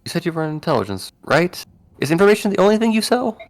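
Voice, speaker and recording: A man's voice: high-pitched, big pitch swings, fast talker, pitched above the performer's own voice. Man reading as a haughty, precise tactician. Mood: cool.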